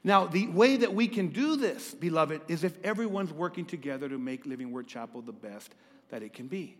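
A man's voice: fairly high pitch, lively intonation, moderate pace, long reverb tail. A man preaching a sermon to his congregation in church, often repeating words and putting questions to the listeners. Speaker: pastor. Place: church hall.

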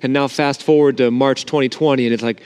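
A man's voice: mid-range voice, steady tone, fast, darkish tone, smooth. A man preaching an informal, earnest sermon to an empty church sanctuary, his voice carrying the cathedral-like echo of the room. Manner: informal, earnest, talks directly to the congregation. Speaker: pastor. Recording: long reverb of an empty sanctuary.

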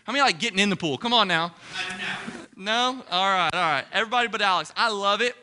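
A young man from Ohio with a Midwestern accent, preaching an energetic, joking sermon to his congregation as a pastor. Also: high-pitched, fast talker. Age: young adult. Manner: animated, joking, talks to the crowd.

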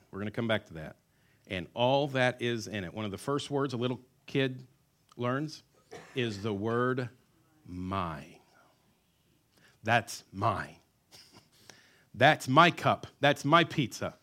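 A pastor preaching a sermon in a church, folksy and joking, with call-and-response to the congregation. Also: male voice, medium pitch, fairly bright tone. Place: church sanctuary.

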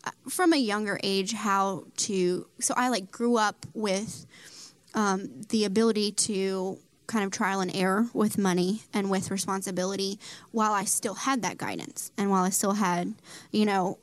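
Young woman, chatty and filler-heavy, mid pitch, dry studio mic. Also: fairly even intonation, normal speed, dry recording. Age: young adult. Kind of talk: casual chat.

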